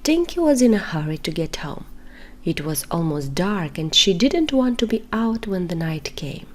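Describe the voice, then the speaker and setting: A woman narrating a bedtime story in a soft, unhurried whisper. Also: on the low side, sing-song.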